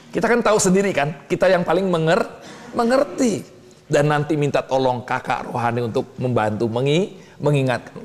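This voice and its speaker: Male preacher, lively teaching sermon, call-and-response questioning, slightly high voice, reverberant hall. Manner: keeps asking the audience "betul tidak?" and pausing for answers; animated, swings between high exclamations and low asides. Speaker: preacher teaching a discipleship class.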